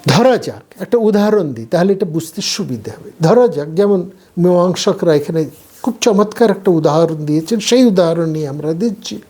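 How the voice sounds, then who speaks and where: A man giving a slow explanatory philosophy lecture, repeating words and phrases as he explains. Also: high-pitched, lively intonation, mellow. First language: Bengali. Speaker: philosophy teacher.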